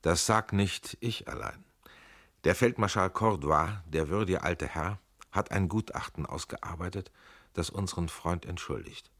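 A man voicing an excitable Sicilian gentleman who talks with indignant fervor. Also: low-pitched, a little slow, dry recording, studio quality, heavily acted. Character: hot-tempered Sicilian man, voluble.

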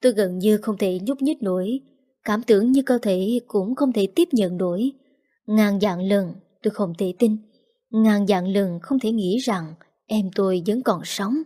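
Warm-voiced woman narrating a story. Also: medium pitch. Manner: emotional, measured reading. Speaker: audiobook narrator. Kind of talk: first-person storytelling narration.

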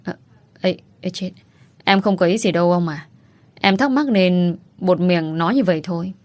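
A woman's voice: fairly low pitch, normal speed, darkish tone, no room sound, close to an everyday voice. A woman voicing a scheming older concubine who makes needling hints and then feigns innocence. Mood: sly.

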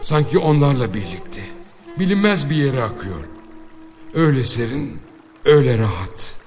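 A man voicing a defiant, wry outlaw man who has been shot, speaking in a low, subdued inner monologue. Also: very animated, normal speed, a little mellow, in a large hall, soft background music, lightly acted. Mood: fading.

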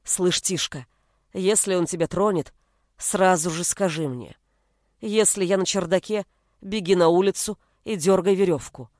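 A woman's voice: on the low side, a little slow, dry recording, clean studio sound, natural voice. A woman voicing a young village woman, a fierce, blunt-spoken elder sister protecting her little brother. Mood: furious. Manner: blunt, rough-spoken, shouting in anger.

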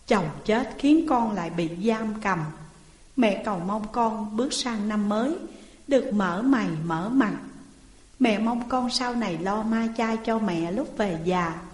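A woman's voice: medium pitch, a little mellow, natural voice. Grieving mother lamenting, read by a woman, mournful, echoey hall. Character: grieving mother lamenting over her daughter. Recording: roomy hall reverb.

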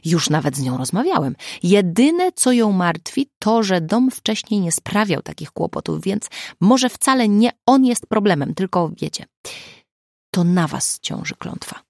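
A woman's voice: medium pitch, very animated, unhurried, darkish tone, dry recording, studio quality. A woman reading the lines of a sarcastic, amused young man in an audiobook. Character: wry, mocking young man.

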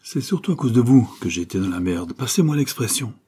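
A sour, suspicious woman neighbor with a sharp tongue, as a male narrator puts her on. Her lines come a touch higher than his own low, husky voice. The tone stays dark. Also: fairly quick, natural voice.

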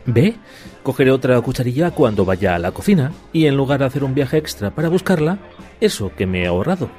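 A man's voice: medium pitch, very animated, a little fast, darkish tone, soft background music, natural voice. A man playing a courteous, matter-of-fact male waiter in an amateur radio sketch. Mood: polite. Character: overly polite efficient male waiter.

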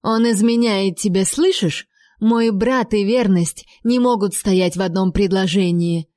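A woman voicing a drunk, jealous noble duchess who sneers and shouts spitefully in an audiobook. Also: mid-range voice, a little slow, no room sound, clean studio sound, natural voice. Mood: spiteful shouting.

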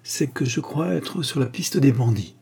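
A man's voice: mid-range voice, lively intonation, moderate pace, vocal fry, dark tone, slight background noise. A man voicing a boastful, cheeky Gascon private detective who talks with cocky self-assurance. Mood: assured.

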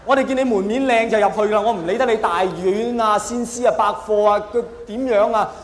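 In an echoey hall filled with crowd noise and laughter, a high-voiced stand-up comedian with a Hong Kong Cantonese accent addresses a live audience at a large indoor venue. His monologue is mock-earnest, driven by dramatic pauses and emphatic delivery.

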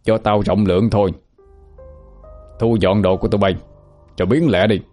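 A swaggering, cruel loan shark, put on by a male storyteller sneers and taunts in a low voice. Soft music plays underneath. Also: steady tone, moderate pace, natural voice. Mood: gloating. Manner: taunting, contemptuous.

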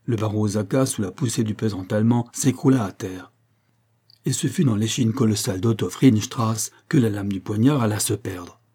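Low, dark-voiced male narrator. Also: moderate pace, breathy edge. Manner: steady storytelling, raising voice for dialogue. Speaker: audiobook reader. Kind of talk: scripted narration.

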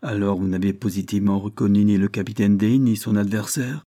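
Un homme lit le rôle d'un officier de police qui interroge avec insistance dans un roman. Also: male voice, fairly low pitch, steady tone, fairly quick, mellow, no room sound, studio quality, lightly acted. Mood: insistent. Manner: insistent, probing. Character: insistent male police officer questioning a witness.

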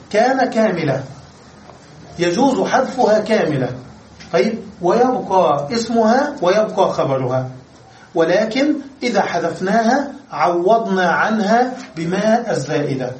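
A man's voice: sits high, very animated, unhurried, pauses often, a little mellow. A male Arabic grammar lecturer giving a classroom lesson, explaining step by step and checking that students understand. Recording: roomy echo, distant mic, faint noise.

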